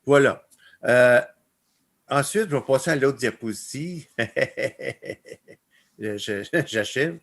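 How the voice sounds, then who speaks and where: This Québécois-accented conference speaker has a medium-pitched voice, talks slowly and pauses often. He walks through his webinar slides with animated storytelling and frequent laughter.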